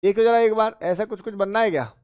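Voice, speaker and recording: Speaking quickly and smoothly, a high-pitched male chemistry teacher runs a spirited exam-prep session, counting positions aloud as a drill. He refers to students as beta and bhai, answers his own questions, and lets something of his own come through on the technical terms.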